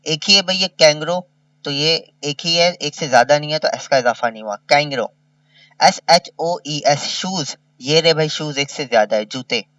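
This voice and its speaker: A man's voice: fairly high pitch, sharp tone, no echo, distant mic, muffled recording. A man teaching a kindergarten revision lesson. He spells each word letter by letter and repeats it. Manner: slow, spells words letter by letter and repeats them.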